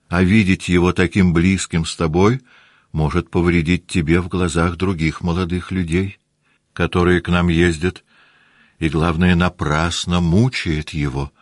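A man reading an audiobook, voicing a gentle, indulgent aging mother who speaks softly, slowly and patiently. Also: low voice, dry recording, clean studio sound. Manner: soft, slow, patient. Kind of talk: audiobook character voice.

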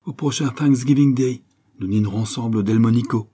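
A man's voice: medium pitch, a little fast, dark tone, breathy edge, voice pushed up, lightly acted. Man playing an eager, proud young writer. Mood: insistent.

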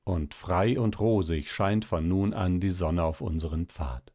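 A man playing a hushed, ardent young suitor. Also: measured pace, no room sound, studio quality. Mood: tender. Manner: low, hushed, earnest.

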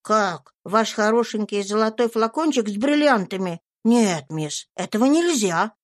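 A woman voicing a kindly, humble older woman servant who speaks gently and deferentially, in a storybook reading. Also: mid-range voice, unhurried, lightly acted.

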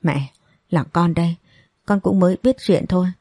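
A woman doing a gentle young man in an audio story, soothing his mother. The voice is low, husky and mellow. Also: moderate pace, no echo, clean studio sound. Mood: tender. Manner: gentle, reassuring. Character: tender grown son reunited with his mother.

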